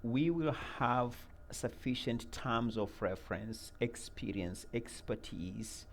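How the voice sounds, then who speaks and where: Speaking in a medium-pitched voice, a middle-aged Ugandan man responds earnestly and at a measured pace to interview questions about a mentoring program. He uses lots of fillers and repeats words, and there's a little hiss or hum in the audio.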